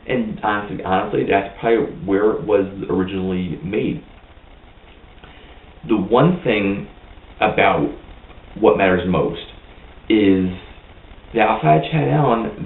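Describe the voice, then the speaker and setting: A man giving a blunt, opinionated, rambling movie review in a casual vlog. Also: lowish voice. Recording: tinny lo-fi, roomy, mic far off.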